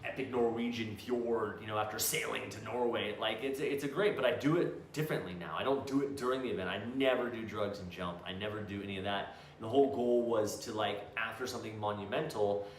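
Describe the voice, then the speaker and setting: A man's voice: fairly low pitch, steady tone, a little fast, hardly any pauses. A man in casual chat, telling stories bluntly with a lot of swearing and restarts. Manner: blunt, profane storyteller with many restarts. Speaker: co-host. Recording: roomy echo, faint background noise.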